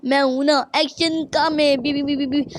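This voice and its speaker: A bratty, boastful little cartoon boy, played by a woman in a gameplay dub. He pitches his voice high and stretches a teasing "ooh" at the start of his lines, always sure of himself. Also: fairly even intonation, normal speed, slight background noise, lightly acted. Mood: cocky. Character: cheeky cocky little cartoon boy, jokester. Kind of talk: voicing cartoon characters over gameplay.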